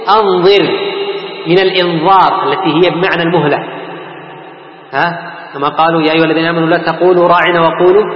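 A man with a high voice teaches Quran pronunciation, chanting verses slowly and firing questions at his class. The sound is dull and muffled. His voice rings with a long echo from a large hall. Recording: dull echoey hall recording.

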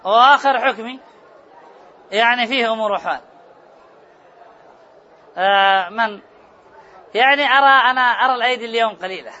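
A man's voice: very high-pitched, brisk, pauses often, pushed and bright, some chatter behind. A man teaching a grammar class, repeating key terms and quizzing his students. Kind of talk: classroom lecture. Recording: muffled classroom recording with murmur.

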